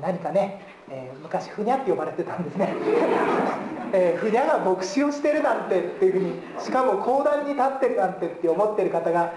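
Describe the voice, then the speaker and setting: A male pastor giving a sermon at a pulpit, filling pauses with a drawn-out "ee" and slipping in light jokes. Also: high-pitched. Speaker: guest pastor. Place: church sanctuary. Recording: roomy church live stream.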